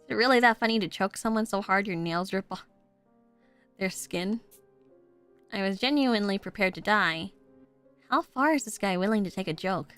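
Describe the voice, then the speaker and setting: A woman's voice: medium pitch, normal speed, long pauses, fairly bright tone, clean tone. Girl streamer reading out a detective game expressively, faint music behind. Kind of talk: expressive narration of a visual novel playthrough.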